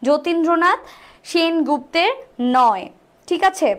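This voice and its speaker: A woman tutor leading a live online exam-prep class, repeating each question and answer several times and slowly sounding out letters to demonstrate. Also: very high-pitched, lively intonation. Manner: urges viewers to answer quickly. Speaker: admission test tutor.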